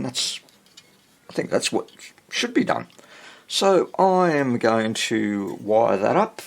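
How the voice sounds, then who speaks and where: A man works on restoring a radio at his indoor bench, chatting casually and unscripted as he thinks out loud. He speaks at a medium pitch, his voice husky and touched with vocal fry.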